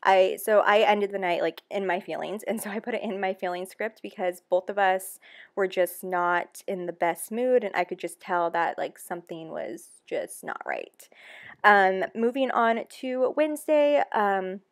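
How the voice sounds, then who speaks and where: A young woman narrates in a casual, confessional voice-over. Her talk is loose and chatty, full of ums and likes. She stays candid and emotional, with her voice at an average pitch for a woman. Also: a little slow. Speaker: planner vlogger.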